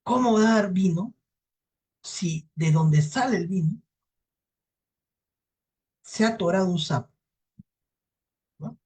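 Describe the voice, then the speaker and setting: A man's voice: high voice, slow pace, pauses often, darkish tone, breathy edge, voice pushed up, full character voice. A man voicing a grumpy, menacing male devil in a folktale, with a strained, raised voice that snaps and threatens. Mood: scornful.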